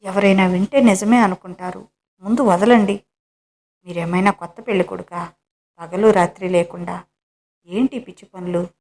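A woman's voice: medium pitch, steady tone, moderate pace, long pauses, close to an everyday voice. A woman playing a scolding middle-aged wife. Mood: protesting. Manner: sharp, raised scolding.

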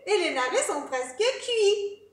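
A woman voicing a cheeky, defiant little male pig in a storybook reading, with quick, squeaky retorts. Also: very animated, exaggerated voice. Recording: echoey room, a bit distant.

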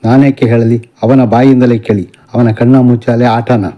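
A man's voice: mid-range voice, level tone, moderate pace, highs cut off, close to an everyday voice. A man voicing a crying, anxious middle-aged mother in an audio novel, in a tearful, bitter complaining way.

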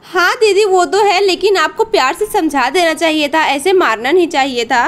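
A woman voices a kind village mother in a doll storybook tale. She speaks gently and patiently, and her voice is very high. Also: normal speed. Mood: reasoning. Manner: gentle, soothing, advising.

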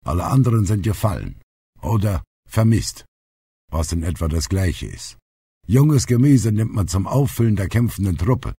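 A man reading an audiobook, voicing a blunt, outspoken old grandfather who is gruff but loving. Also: sits low, animated, normal speed, dark tone, no room sound, voice pushed up, heavily acted. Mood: earnest, bitter. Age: older. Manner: blunt, plainspoken.

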